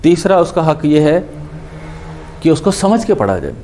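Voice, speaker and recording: A man's voice: a little high, very animated, warm tone, slight background noise. Patient man drilling grammar forms. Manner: patient, repeats words while drilling verb forms; mixes English words into his teaching. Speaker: Quran and Arabic grammar teacher. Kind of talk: explanatory lesson.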